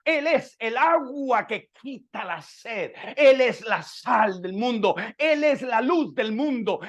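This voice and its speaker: A man preaching a sermon as pastor, acting out the dialogue with dramatic swings from soft to loud. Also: very high-pitched.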